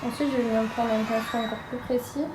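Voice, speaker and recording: A woman's voice: fairly high pitch, steady tone, fast, noisy background. A young woman from France narrating a casual makeup tutorial, chatty and hesitant with frequent fillers, in a room at home. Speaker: makeup vlogger. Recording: roomy echo with music behind.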